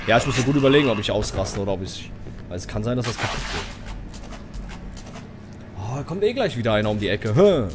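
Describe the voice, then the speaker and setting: Male streamer, lively up-and-down voice, cursing horror-game commentary, audible background noise. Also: fairly low pitch, quick pace, pauses often. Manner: swears, rants and yells at the game.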